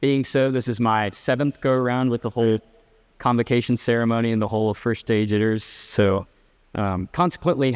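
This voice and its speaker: A teenage boy, chair of a student honor council, giving a measured, slightly formal and reflective prepared speech at a school ceremony. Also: fairly low pitch, clear, resonant tone. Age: late teens.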